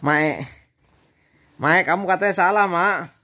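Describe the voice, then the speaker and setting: A man, a father filming a home video and gently teasing his daughter. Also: high-pitched. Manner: teasing, coaxing, slow-spoken. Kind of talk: casual family home video.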